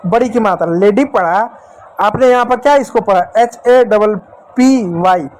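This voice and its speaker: A man gives a lesson at the board. His voice sits very high for a man. He keeps asking the class questions, then answers them himself with patient repetition. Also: a little slow, darkish tone, rough recording. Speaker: English teacher.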